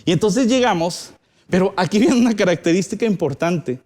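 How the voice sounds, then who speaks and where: A man with a Guatemalan Spanish accent delivers a sermon in a notably high voice. He reads scripture aloud and swings between rising and falling emphasis as he preaches. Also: expressive, a little fast, darkish tone. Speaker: pastor.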